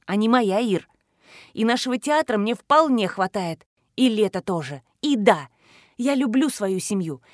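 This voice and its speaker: A gentle, earnest teenage girl, as a woman narrator plays her. Her voice sits at an ordinary middle pitch, sincere and pleading rather than loud. The read is dry and close-miked. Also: dry recording, lightly acted. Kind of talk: audiobook character voice.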